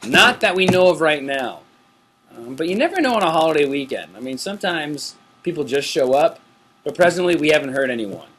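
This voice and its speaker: A man's voice: fairly high pitch, sing-song, fairly quick, background noise. A middle-aged man hosting a casual backstage webcast, reading out viewer questions in an easygoing, chatty way and laughing between them. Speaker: webcast host.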